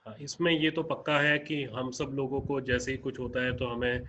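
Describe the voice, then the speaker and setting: A man's voice: mid-range voice, level tone, normal speed, fairly bright tone, dull audio, a little hiss or hum. A man with an Indian accent speaks to partner groups in an online webinar, earnest and plain-spoken, slipping English phrases into his talk. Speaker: founder addressing partner groups. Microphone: video call.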